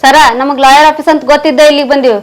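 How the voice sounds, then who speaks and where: A woman plays a fiery, stubborn wife with a North Karnataka accent who is quick to complain. Her voice is very high and fast, heard over loud background noise. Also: flat delivery, close to an everyday voice. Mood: irritated. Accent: North Karnataka Kannada. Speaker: wife seeking divorce. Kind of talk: comedy sketch acting.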